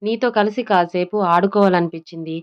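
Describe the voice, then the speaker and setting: Woman doing a cheeky five-year-old girl from an audio story, smooth but muffled. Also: on the low side, fairly quick, close to an everyday voice. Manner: teasing, cheeky. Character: cheeky little girl of five, quick with comebacks.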